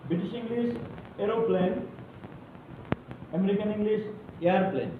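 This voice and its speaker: A man giving an English lesson, explaining slowly and repeating example words. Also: high-pitched, narrow, tinny audio. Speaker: English teacher. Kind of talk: online lesson explaining to students. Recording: echoey room, mic far off, noise.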